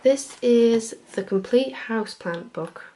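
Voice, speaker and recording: Woman as a mellow librarian in ASMR role-play. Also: fairly high pitch, takes it slowly, slight background noise. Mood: soft, chatty. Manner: soft-spoken, gentle, informal. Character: friendly, chatty female librarian recommending books.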